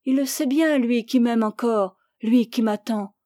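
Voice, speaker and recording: A woman's voice: fairly high pitch, a little slow, dark tone, no room sound, clean studio sound, natural voice. A woman reading an audiobook, voicing an anguished young woman who is passionate and reproachful. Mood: impassioned. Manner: impassioned, reproachful.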